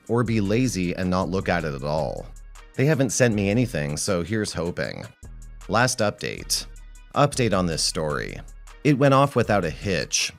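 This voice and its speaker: A man with a fairly low voice narrates personal stories from a script. He reads them in the first person as a storyteller. Soft music plays faintly behind him. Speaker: narrator reading online relationship stories and commenting.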